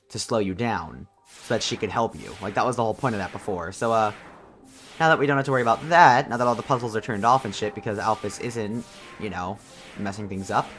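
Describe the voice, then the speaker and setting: A man's voice: medium pitch, a bit bright. A young man hosting his own gaming channel, chatting casually and thinking aloud as he plays. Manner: rambling, thinking aloud with fillers. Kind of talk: casual let's-play commentary.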